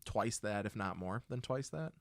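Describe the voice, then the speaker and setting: A man's voice: fairly low pitch, animated, moderate pace, gravelly, no room sound. A man co-hosting a casual podcast chat, talking in a laid-back, trailing way. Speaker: podcast co-host.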